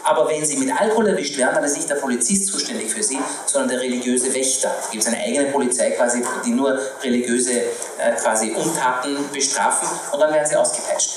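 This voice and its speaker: An emphatic, fast-talking man in his forties, a physician from Iran, argues his point on a panel stage. The sound is roomy and echoing, picked up from some distance. A live audience is heard around him. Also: mid-range voice, crowd noise. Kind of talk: public panel debate. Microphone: handheld mic. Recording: echoey room, mic heard from a distance, audience noise.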